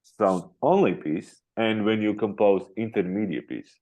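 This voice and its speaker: A man's voice: lowish voice, unhurried, warm tone. A man interviewing in a conversational way, phrasing questions hesitantly and repeating points to confirm them.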